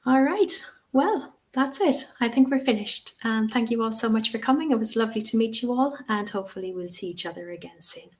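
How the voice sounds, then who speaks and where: Speaking brisk and expressive in a fairly high pitch, a woman in her forties from Ireland runs a teacher-training webinar. She has an Irish accent and handles live Q&A questions in a warm, chatty manner packed with fillers.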